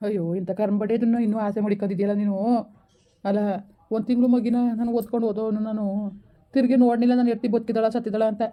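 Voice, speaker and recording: A woman's voice: on the high side, flat delivery, quick pace, lightly acted. A woman playing a village husband, back after leaving his wife, who blames himself and talks sorrowfully. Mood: remorseful. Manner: sorrowful, self-blaming, reassuring. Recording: dull lo-fi recording.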